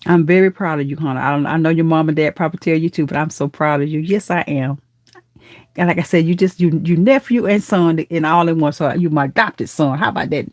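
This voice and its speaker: On a live stream, a churchy auntie reads through comments in a relaxed chat, her low voice moving at a brisk clip. Affectionate and warm, she calls people honey and baby while speaking of blessings and God. The audio is studio quality with no echo.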